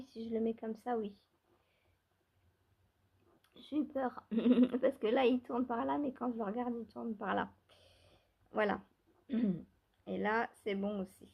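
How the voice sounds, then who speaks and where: This French woman vlogger chats casually about her knitting in a slightly high, creaky voice that is a little mellow with a breathy edge. She rambles, using lots of fillers, restarting sentences and letting out small laughs.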